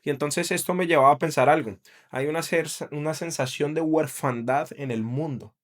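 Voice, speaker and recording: A man's voice: on the high side, moderate pace, a bit bright. A middle-aged man co-hosting a faith podcast, speaking earnestly and thinking aloud, often checking in with his listener. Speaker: podcast co-host. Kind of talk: casual faith podcast chat.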